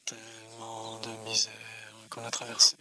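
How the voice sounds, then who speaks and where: A man's voice: on the low side, completely flat delivery, moderate pace, sharp tone. A man giving a spoken Buddhist teaching at a retreat, asking his listeners questions and answering them himself, repeating key words for emphasis. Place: indoor retreat centre teaching room.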